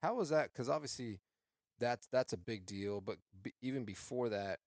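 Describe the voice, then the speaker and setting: A man's voice: mid-range voice, animated, a little mellow, dry recording, studio quality. A man hosting a podcast in casual chat, rambling through his questions with frequent restarts. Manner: rambling, restarts often, drawn-out phrases. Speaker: podcast host.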